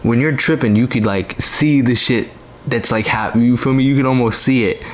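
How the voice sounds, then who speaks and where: A man's voice: mid-range voice, normal speed, a little hiss or hum. A young man telling a story casually into his own mic, rambling with lots of fillers, slang and profanity. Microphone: own desk mic.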